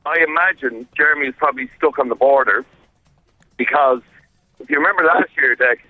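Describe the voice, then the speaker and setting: A man's voice: mid-range voice, a little fast, no echo, soft background music. Man on a tinny phone line. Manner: emphatic, repeats himself. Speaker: radio show presenter on a challenge. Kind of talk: live radio report, casual chat. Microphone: phone call.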